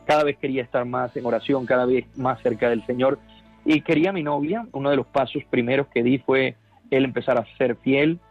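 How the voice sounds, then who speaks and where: Earnest Colombian priest on radio. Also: male voice, medium pitch, a little fast, phone-quality sound, soft background music. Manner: earnest, fervent, with frequent restarts. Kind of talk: radio interview testimony.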